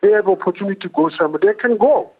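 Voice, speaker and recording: A man comes through a clipped, tinny phone line. He speaks firmly and with conviction, but keeps stopping and restarting his phrases. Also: high voice. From South Africa. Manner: halting, restarts phrases, firm and indignant. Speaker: caller to a TV panel show.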